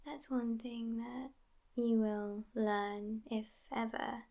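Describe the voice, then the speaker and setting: Playing a sassy, haughty vampire girlfriend who is centuries old but sounds young, a woman performs soft-spoken ASMR roleplay in a hushed, almost whispered voice. She talks slowly and languidly with fairly even intonation, her pitch a little high and frequently slipping into fry.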